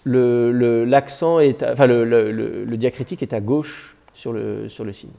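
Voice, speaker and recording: A man's voice: medium pitch, steady tone, normal speed, vocal fry, dark tone. A man teaching a classroom lesson, explaining patiently with frequent fillers and restarts.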